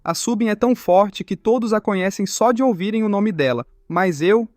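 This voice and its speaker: A man's voice: sits high, moderate pace, no room sound, clean studio sound, close to an everyday voice. A man voicing an earnest, easily startled young male hero.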